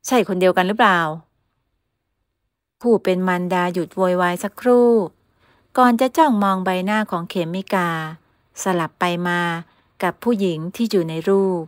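A woman reading a story aloud as narrator, in a steady, clear voice. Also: medium pitch, normal speed, no room sound, studio quality. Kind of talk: scripted narration.

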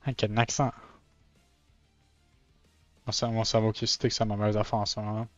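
A man's voice: lowish voice, flat delivery, moderate pace, no room sound, highs cut off, soft background music. A man with a Québécois French accent chatting casually on a live stream while drawing, often stammering and restarting, with English words mixed in.

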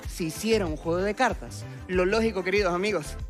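On a large TV studio theatre stage, a young Venezuelan man in his twenties performs stage magic for a talent show, talking to the judges via headset mic in theatrical patter. His voice sits high and moves fairly quickly, with music playing under the act.

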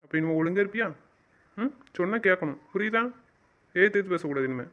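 A man's voice: high voice, animated, fast talker, a bit bright. A man in a romantic audio drama, scolding and teasing his partner in a bossy way. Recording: dull lo-fi recording.

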